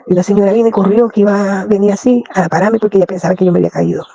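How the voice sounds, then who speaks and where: Husky gravelly-voiced woman testifying fervently. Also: mid-range voice, fairly even intonation, very fast, mellow, no room sound, dull audio. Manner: fervent, prayerful, repeats praise phrases. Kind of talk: emotional faith testimony.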